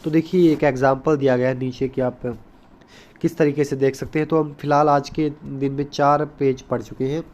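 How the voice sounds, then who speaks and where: A man's voice: mid-range voice, level tone, moderate pace, darkish tone. A man teaching a recorded school lesson, explaining step by step, repeating key points and mixing English terms into his Hindi.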